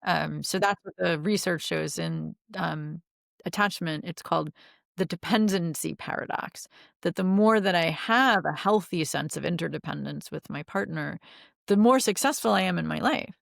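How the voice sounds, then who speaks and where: A woman's voice: fairly low pitch, moderate pace, vocal fry, fairly bright tone, dry recording, studio quality. A middle-aged woman coaching on relationships in a podcast interview, chatty, with many fillers and easy laughs.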